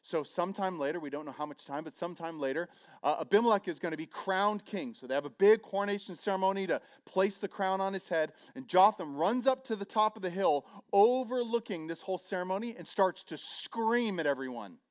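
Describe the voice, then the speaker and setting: A man preaching a sermon and retelling a scripture story, swinging between loud and hushed delivery. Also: high voice, animated, a little fast. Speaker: pastor.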